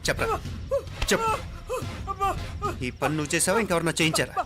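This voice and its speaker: A man's voice: a little high, wildly swooping pitch, a little fast, loud music behind the voice. An actor playing a young man who pointedly questions a servant in a film scene. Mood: scolding. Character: calm, probing young man.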